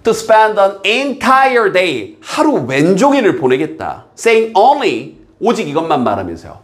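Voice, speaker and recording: Animated male English teacher. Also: high voice. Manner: lively, drills students with repeated checks; reads English slowly, explains in Korean. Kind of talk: exam passage lecture.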